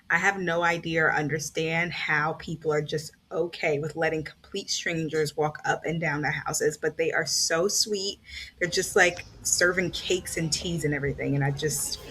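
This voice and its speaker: A woman hosting a casual travel vlog, talking bubbly and excited while she walks around an artist's home with a handheld camera. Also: deep voice, slight background noise. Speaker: vlogger host. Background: music.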